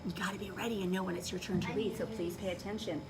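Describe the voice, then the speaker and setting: Over a loud crowd, a woman teacher at an elementary school talks quickly and fairly evenly in a lowish voice, projecting as she instructs her class and checks comprehension with questions. The recording comes from a far-off mic in a noisy room.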